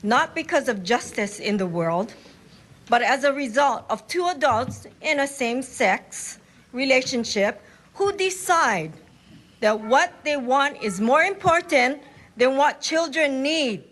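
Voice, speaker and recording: A woman with a slightly raised pitch reads her testimony very slowly and deliberately into a podium microphone. She speaks from a capitol hearing room with faint room noise behind her. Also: expressive, a bit bright. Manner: measured, deliberate, reading a statement. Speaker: public testifier. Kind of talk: prepared public testimony.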